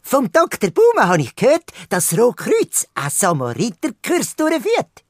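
A man playing a cheerful, excitable male parrot hero with a Swiss German accent, theatrical and playful in a children's audio drama. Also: extremely high pitch, moderate pace, no room sound, clean studio sound, exaggerated voice. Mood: eager storytelling.

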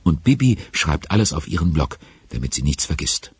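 A man narrating a children's radio play in a calm, storybook way. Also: rumbling low, moderate pace, breathy edge, no room sound.

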